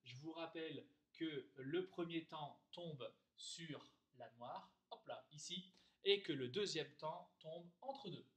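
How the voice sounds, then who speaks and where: A man's voice: on the high side, slow pace, fairly bright tone. A man teaching a music lesson, explaining rhythm and intervals patiently and singing syllables and note names, with a piano behind him.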